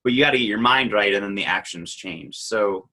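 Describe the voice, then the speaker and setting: Bright-voiced earnest man. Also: on the low side. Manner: earnest, explaining in quick run-on sentences. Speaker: podcast co-host. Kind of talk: casual conversation.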